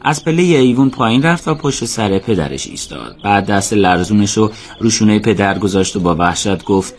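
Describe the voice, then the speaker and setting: A man narrates a radio drama in a steady, measured way. His voice sits fairly low, and he keeps an even storyteller's pace. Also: slight background noise.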